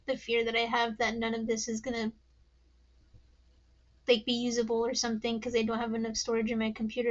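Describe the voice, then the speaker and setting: A young adult woman with a high, fairly bright, young-sounding voice hosts a casual solo podcast. She rambles nervously, swears a lot, and laughs at herself. The audio sounds dull.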